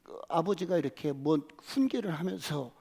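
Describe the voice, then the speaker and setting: A male pastor preaching a sermon, telling the story vividly, sometimes shouting the crowd's cries and whispering inner thoughts. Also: a little high, lively intonation, normal speed, gravelly, husky, big-room sound.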